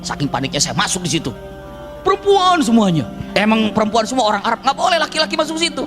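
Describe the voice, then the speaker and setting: A man preaching and telling a personal story in a lively, humorous way, acting out dialogue and making sound effects. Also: high-pitched, fast talker, music in the background.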